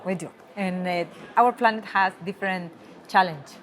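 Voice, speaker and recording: A woman from Chile with a Chilean Spanish accent, interviewing a guest in English and pausing thoughtfully to find her words. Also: medium pitch. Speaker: interviewer, TV journalist. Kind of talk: conference interview.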